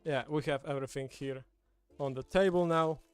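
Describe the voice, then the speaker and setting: Background music accompanies a livestream host from Poland, a native Polish speaker with a Polish accent, chatting casually at an indoor table with his streaming setup. His voice sits on the high side with a steady tone and moderate pace. The sound is clean with no echo.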